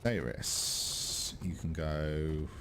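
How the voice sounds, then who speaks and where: A man's voice: rumbling low, flat delivery, very slow. A man giving casual strategy game commentary, thinking aloud with dry asides as he plays. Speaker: gamer, video host.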